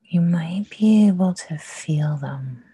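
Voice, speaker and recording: A woman whispering a guided meditation, soft and soothing with long pauses. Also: on the low side, breathy edge, no echo.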